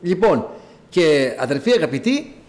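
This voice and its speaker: A man preaching a sermon, telling stories and addressing the congregation directly in an animated way. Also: fairly high pitch. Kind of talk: sermon with storytelling.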